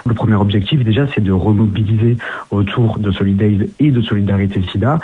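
A man from France, a guest in an interview, answering quickly and earnestly with many restarts, heard down a phone line. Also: on the low side, fairly even intonation, slightly rough. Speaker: guest, social media activist.

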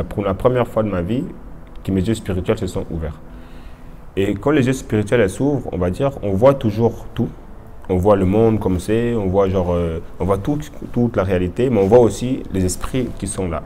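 Fast-talking young man giving a testimony. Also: deep voice, warm tone, a little hiss or hum. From Congo. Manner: informal, restarts sentences often. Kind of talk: personal testimony.

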